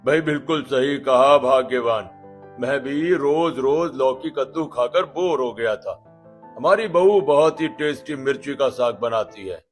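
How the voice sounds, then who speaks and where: A man's voice: medium pitch, a little slow, faint music behind, close to an everyday voice. A man voicing a hearty older father-in-law who loves spicy food in a cartoon story. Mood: pleased.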